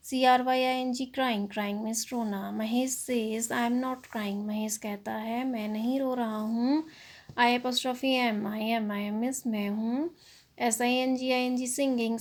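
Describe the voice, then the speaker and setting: A woman with an Indian accent teaches a children's English lesson, spelling each word out letter by letter and then giving its meaning in Hindi. Her voice sits a little high. She speaks very slowly and deliberately.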